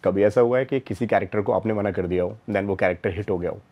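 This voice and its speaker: A man's voice: fairly low pitch, fast talker, highs cut off. A man with an Indian accent interviewing a guest, asking probing questions and affirming often.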